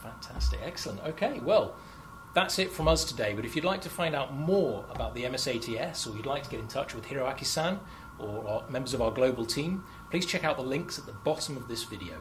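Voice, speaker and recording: A man's voice: mid-range voice, animated, fairly quick, few pauses. A young man hosting a corporate product interview in a lab, chatty and upbeat with frequent fillers. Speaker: marketing host. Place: company lab, indoors, standing. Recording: lab background noise.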